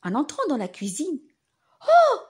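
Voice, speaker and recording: A woman narrating a children's bedtime story in simple, expressive phrases, as if reading to a toddler. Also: on the high side, a little slow, slightly rough.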